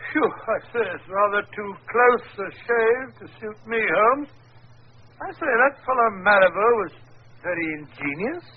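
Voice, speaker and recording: An actor playing a blustery older English doctor and storyteller with a husky voice, in 1940s radio style. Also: male voice, high-pitched, lively intonation, moderate pace, slight background noise. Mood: shaken. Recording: thin, narrow old radio recording.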